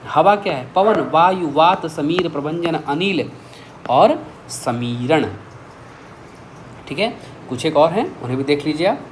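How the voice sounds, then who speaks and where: A man teaching a vocabulary lesson, reeling off lists of words with quick asides to his students. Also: on the high side, slight background noise. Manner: lively, reels off word lists with quick asides. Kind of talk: exam-prep vocabulary lesson.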